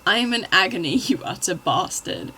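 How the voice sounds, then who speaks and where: A man's voice: high voice, lively intonation, normal speed, pushed and bright, slight background noise, full character voice, rough recording. A woman reading the lines of a sunburnt, suffering young man in a fanfic. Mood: whiny.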